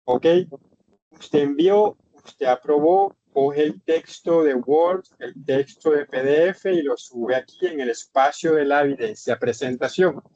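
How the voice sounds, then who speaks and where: Man, instructor, slow emphatic repeating, higher voice, dry dull online audio. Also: warm tone, no echo. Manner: repetitive, emphatic explaining. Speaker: English instructor. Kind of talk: online class lecture. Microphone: computer mic in online session.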